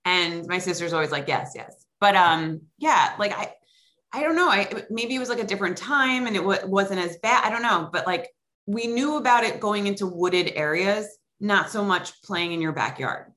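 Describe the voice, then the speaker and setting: Over a remote connection, a middle-aged woman from Long Island, New York chats casually as a podcast interview guest, peppering her speech with likes and ums. She talks at normal speed in a mid-range voice that's pushed and bright, with lively intonation.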